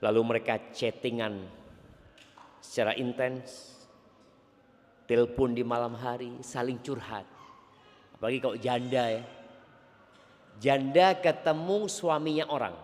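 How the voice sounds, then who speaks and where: A man preaching a sermon to a congregation, animated and playful, addressing the audience directly. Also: mid-range voice, unhurried, long pauses, long reverb tail.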